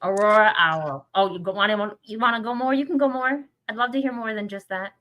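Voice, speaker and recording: A woman's voice: mid-range voice, fairly quick, fairly bright tone, muffled recording. A woman hosting a podcast, asking questions in a casual group conversation with an informal, encouraging manner. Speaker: podcast host.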